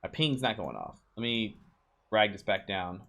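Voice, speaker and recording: A man's voice: fairly low pitch, sing-song, normal speed, fairly bright tone. A man giving a casual voice-over tutorial for a video game, talking loosely to his viewers with plenty of ums, uhs and restarts. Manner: loose and chatty, many ums and restarts, talks to viewers as "you guys". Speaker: game guide creator and streamer.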